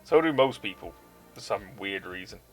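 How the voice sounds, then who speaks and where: Faint music sits under this fairly low, animated male voice moving at a moderate pace. He's a model-kit-building streamer in his thirties from England with a mixed British Forces English accent, chatting casually and cursing freely on a live stream.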